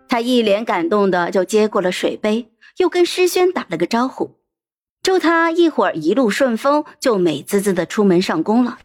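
A woman narrating a novel as an audiobook, telling the story expressively. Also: medium pitch.

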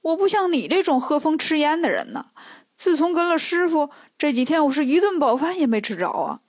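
A woman's voice: sits high, sing-song, fairly quick, no room sound, clean studio sound. A woman voicing a hungry male pig disciple who whines and pleads. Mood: whiny. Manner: whiny, pleading.

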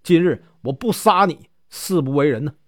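A man's voice: a little high, expressive, normal speed, no echo, clean studio sound, lightly acted. A man doing a hot-tempered young lord. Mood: furious. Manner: angry, shouting insults.

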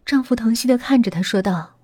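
A woman narrating a ghost story dramatically, slowing down and hushing at the tense moments. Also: a little high, breathy edge, no room sound, studio quality. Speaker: storyteller host. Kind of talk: horror audiobook narration. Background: faint music.

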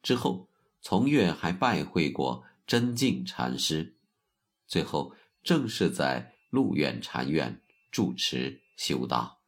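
A middle-aged man narrating a story in a measured, storyteller's way as a show's host. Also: a bass voice, big pitch swings, creaky, husky. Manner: slow, measured storyteller's delivery.

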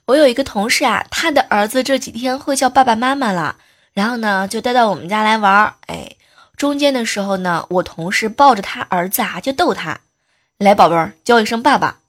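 A woman hosting a comedy show, running through short funny anecdotes with a playful, teasing delivery. Her voice sits a little high. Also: a little fast, fairly bright tone. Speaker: host. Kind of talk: comic joke storytelling.

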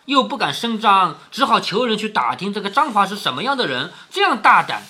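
A man reading as a sly, sharp-tongued young noblewoman. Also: high voice, very animated, a little fast, slightly rough, heavily acted. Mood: sly aggrieved.

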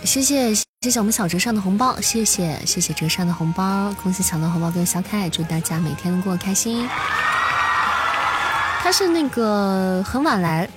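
A woman's voice: medium pitch, moderate pace, a crowd in the background. A woman livestream host chats her way through a creepy tale to her viewers. Her talk is loose and full of restarts, and she often asks them if they follow. Faint music plays under her voice. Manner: chatty, often checks in with listeners and restarts her sentences. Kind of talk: casual storytelling to a live audience.

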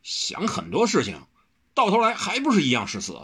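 A man voicing a big, dim-witted but good-natured brawler who talks in a slow, dopey, easygoing way. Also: sits high, wildly swooping pitch, a bit bright, husky, voice pushed up, exaggerated voice.

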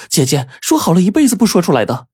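A man's voice: medium pitch, expressive, a little fast, warm tone, slightly rough, dry recording, clean studio sound, pitched above the performer's own voice. A man voicing an anxious young woman, the younger sister, pleading.

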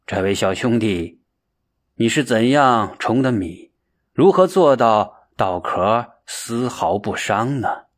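A man voicing a jovial, cryptic elderly male Chan master who speaks slowly and low with a teasing manner. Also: animated.

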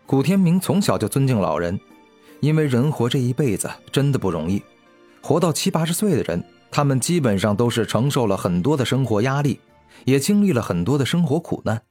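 A male audiobook narrator telling a fantasy story with expressive delivery. His pitch moves lively across a mid range. Faint music plays beneath the narration. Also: a little fast. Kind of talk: web novel narration.

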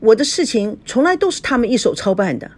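A wronged young bride from a rich family answers in an aggrieved, defensive voice with a lively pitch, as a woman reads her lines. She sounds stung and put upon in this spoken story. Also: quick pace.

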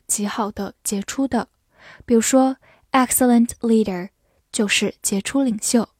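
A woman's voice: fairly high pitch, a little mellow, breathy edge, no echo, clean studio sound. Patient woman teaching English words. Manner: patient, spells letters out and repeats slowly. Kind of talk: vocabulary lesson, spelling and slow read-alouds.

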